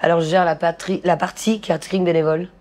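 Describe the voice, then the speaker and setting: A woman's voice: fairly low pitch, level tone, quick pace, over loud music. A woman managing festival volunteer catering, answering interview questions enthusiastically with some stammering. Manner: enthusiastic, stammers over words.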